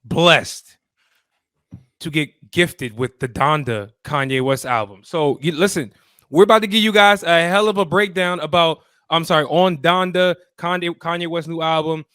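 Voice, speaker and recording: A man hosting a casual comedic podcast in slangy, repetitive banter, his voice raspy and worn from partying. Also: fairly high pitch, moderate pace, a bit bright, no echo. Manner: bantering, slangy, repeats phrases. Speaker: podcast host.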